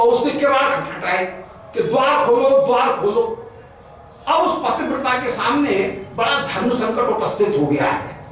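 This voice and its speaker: A man's voice: very high-pitched, a bit bright. Man, scripture discourse, explains Sanskrit verses, distant mic, faint background hiss. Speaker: religious discourse speaker. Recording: very echoey hall, mic far off.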